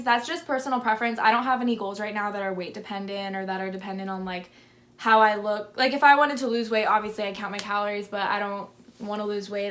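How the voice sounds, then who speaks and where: A woman in her twenties, a fitness vlogger with a lisp, chats casually to camera while answering viewer questions, saying "like" a lot. Her voice is medium-pitched with a fairly bright tone.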